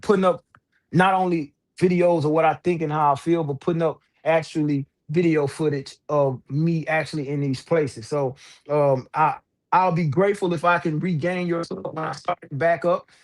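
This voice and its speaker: Man, high-pitched voice, livestream headset audio, slangy casual talk, fired-up. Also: fairly even intonation, moderate pace. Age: adult with several children. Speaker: livestream host.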